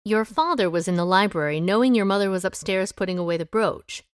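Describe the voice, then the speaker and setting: Playing a 1920s female sleuth who is shrewd and world-weary, this actress sounds knowing, matter-of-fact and accusing across audio drama dialogue and first-person narration. She speaks a little fast with lively intonation, her medium-pitched voice clear and resonant, lightly acted. It's a studio-quality recording with no room sound.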